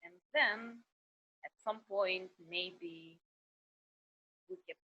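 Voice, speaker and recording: A middle-aged woman from Kazakhstan, a doctor speaking over a video call, halting and searching for words with many fillers. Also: on the low side, pushed and bright, slightly rough. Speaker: emergency doctor, guest. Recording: dull, lo-fi internet call audio.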